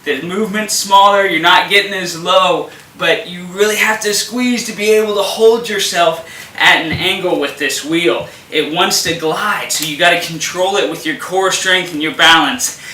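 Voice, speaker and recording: A man teaching exercises with a sharp, bright voice, his words tight with effort as he holds each position. He sounds set back from the mic, and the room around him rings with echo. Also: high voice, fairly even intonation, normal speed, slight background noise. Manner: instructive, upbeat, strained while exercising. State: effortful, straining. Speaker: fitness instructor. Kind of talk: exercise demonstration. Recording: echoey room from a distance.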